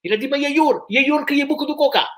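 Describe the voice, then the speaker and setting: A man's voice: very high-pitched, fast talker, voice pushed up. A man putting on a comic Spanish accent, rattling off nonsense syllables. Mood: mocking. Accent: Spanish, put on.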